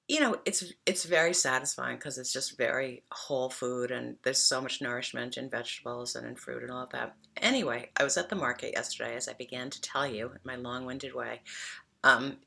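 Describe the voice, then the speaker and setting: A woman's voice: extremely low pitch, vocal fry, sharp tone. A middle-aged woman talking casually to camera about her food, rambling and chatty with lots of fillers. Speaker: wellness coach vlogger.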